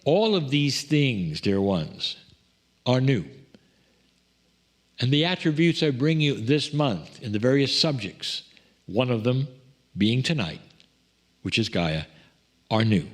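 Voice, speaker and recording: A man speaking as a loving spirit entity in a channeled message, in a slow, tender, solemn way. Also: medium pitch, lively intonation, pitched above the performer's own voice.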